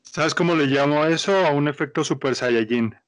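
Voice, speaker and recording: A man's voice: on the high side, fairly quick, dry recording. A man with a Mexican Spanish accent, co-hosting a casual chat and sharing trivia. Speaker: podcast co-host.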